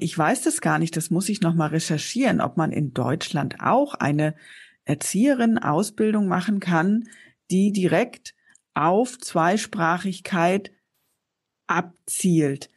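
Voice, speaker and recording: A woman's voice: lowish voice, breathy edge. A woman interviewer who asks long, reflective questions and thinks aloud.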